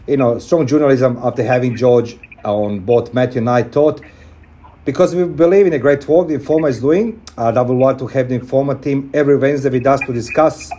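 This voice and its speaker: A man with a mellow, warm tone hosts a radio talk show. He rambles a little, repeating words and leaning on fillers as he introduces and questions his guest. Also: mid-range voice. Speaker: radio host.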